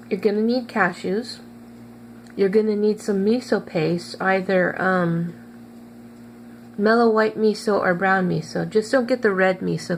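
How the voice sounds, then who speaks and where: Woman cooking vlogger, chatty, halting delivery with fillers, mid-range voice, faint hum behind. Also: mid-range voice. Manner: chatty, hesitant with many fillers, tastes food while talking. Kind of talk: casual kitchen vlog.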